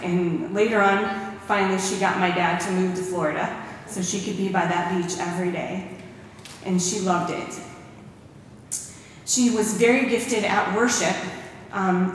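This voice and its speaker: A testimony in church: a woman with a mid-range voice warmly recounts stories and quotes scripture. It's captured from far away in an echoing hall, with a little hiss or hum in the background.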